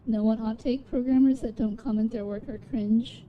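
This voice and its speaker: A woman's voice: a little high, fairly even intonation, moderate pace, muffled recording. A woman live streamer chatting casually while gaming and reading out viewer comments.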